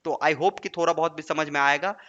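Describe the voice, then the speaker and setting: Speaking at a moderate pace in a slightly high, fairly bright voice, this man teaches an online exam-prep class with on-screen writing. His manner is coaxing, and he keeps asking checking questions such as "right?" The audio is dull.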